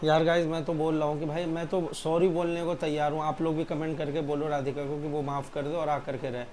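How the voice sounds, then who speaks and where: A man's voice: on the high side, flat delivery, a little fast, darkish tone. Pleading young man, noisy background. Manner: pleading, apologetic. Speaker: vlogger. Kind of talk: pleading couple argument vlog.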